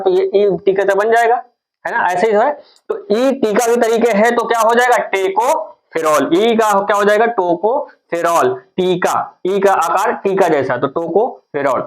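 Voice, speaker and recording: A man's voice: high voice, poor audio. A man teaching memory tricks, repeating points and asking and answering his own questions. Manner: addresses viewers as friends. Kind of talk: explaining memory tricks for a general studies lesson.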